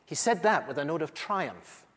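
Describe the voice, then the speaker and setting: Male actor as an aged apostle eyewitness, slightly high voice, earnest storytelling, reverberant hall. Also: sing-song, moderate pace, a bit bright. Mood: solemn. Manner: earnest, intimate storyteller with dramatic swells. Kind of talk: first-person dramatic monologue. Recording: echoey hall with long reverb.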